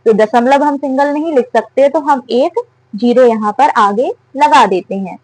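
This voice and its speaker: Woman maths teacher, higher voice, dry close sound, asks and answers her own questions. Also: moderate pace, dry recording, rough recording. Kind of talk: step-by-step maths lesson.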